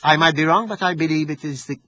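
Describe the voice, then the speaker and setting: Halting scholarly man with a Maltese accent. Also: on the high side, sharp tone, no echo. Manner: halting, repeating and rephrasing words. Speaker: interviewed researcher and author. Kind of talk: scholarly interview discussion.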